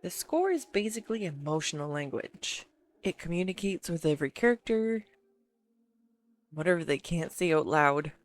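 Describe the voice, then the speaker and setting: An amateur voice actress plays an excitable, affectionate neurodivergent girlfriend in a scripted roleplay, earnestly info-dumping to her listener about her favourite film with halting pauses. Her lowish voice carries a soft, reflective mood.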